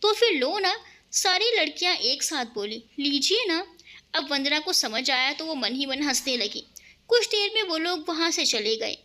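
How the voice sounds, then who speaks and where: Bright high-voiced woman storyteller. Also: moderate pace. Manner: lively, shifts pitch for each character. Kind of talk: storybook narration, voicing every character.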